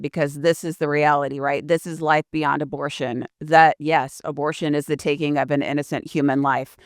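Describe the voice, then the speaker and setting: A woman's voice: deep voice, no room sound, clean studio sound. A middle-aged woman hosting a podcast interview, earnest and reflective as she frames her questions. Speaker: podcast host.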